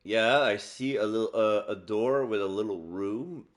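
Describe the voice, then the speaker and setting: A man doing casual let's play narration, describing game scenes aloud in a halting way. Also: fairly low pitch. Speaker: game streamer and voice-over player.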